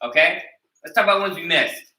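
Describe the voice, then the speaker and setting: Bright-voiced man teaching a martial arts class. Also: on the high side, animated, a little fast. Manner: emphatic, repeats key rules with "okay?". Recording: roomy and distant from the mic.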